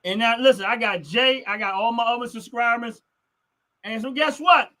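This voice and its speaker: A middle-aged man livestreams in a very high-pitched, sharp voice at a moderate pace. Casual yet strongly opinionated, he replies to chat and repeats phrases emphatically.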